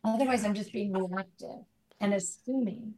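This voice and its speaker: Speaking at a normal pace in a mid-range voice, this recovery life coach is a guest in a conversational interview, where she strings her ideas into long run-on thoughts punctuated by frequent rhetorical "right?" tags. The room is reverberant, background noise is heavy, and a dog barks at times.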